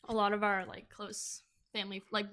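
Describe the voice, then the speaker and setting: Bright, laid-back young woman chatting. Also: mid-range voice, completely flat delivery, normal speed. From Italy, raised in Georgia, USA. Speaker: medical student guest. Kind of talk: casual chat.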